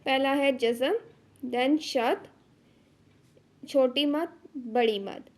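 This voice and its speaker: A woman's voice: high voice, very slow, darkish tone. A woman with a Pakistani Urdu accent teaching a tajweed lesson. She explains step by step and keeps checking in with her students. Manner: patient, explains step by step with frequent check-ins. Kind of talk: online lesson explaining rules.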